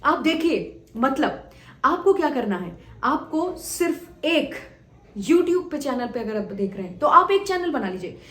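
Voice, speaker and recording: A woman's voice: high voice, very animated, unhurried, fairly bright tone, roomy sound. A young woman teacher giving exam tips to students, repeating phrases for emphasis and acting out a story between two students. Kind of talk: motivational talk to students with a told story.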